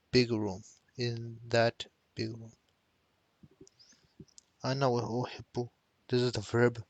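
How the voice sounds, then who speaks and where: In a dry recording, a man with a mid-range voice teaches a textbook Arabic lesson. He reads each Arabic line, translates it, and patiently explains the grammar, frequently restarting his words.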